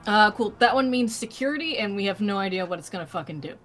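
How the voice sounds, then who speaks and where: A woman's voice: medium pitch, animated, quick pace, a bit bright, faint music behind. A woman chatting casually as a tabletop game player, swearing freely.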